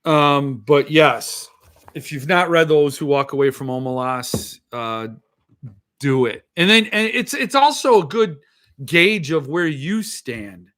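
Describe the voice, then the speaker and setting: A man's voice: fairly high pitch, lively intonation, slow pace, a bit bright. A man chatting casually about his interests as a show host, with a lisp that makes his s sounds slushy, thinking aloud hesitantly and drifting into asides. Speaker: host of a book-collecting show. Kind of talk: casual rambling chat.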